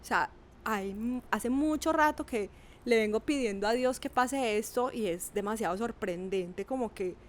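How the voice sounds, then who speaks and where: A middle-aged woman, telling a personal story in a lively, animated way with acted quotes. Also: medium pitch. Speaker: podcast guest. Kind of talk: casual storytelling.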